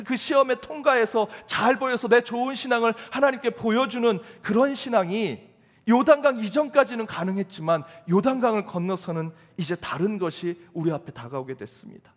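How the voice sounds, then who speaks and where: A man preaches in an emphatic, questioning style, his voice pitched high for a man. The sound carries the long reverb of a church sanctuary, with each phrase trailing off into the hall. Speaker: pastor. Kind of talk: sermon.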